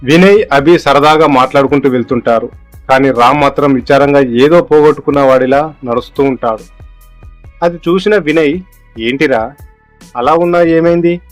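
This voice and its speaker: A man's voice: medium pitch, normal speed, soft background music. A man reading a scripted horror story aloud as narrator, voicing the characters' lines in his own voice.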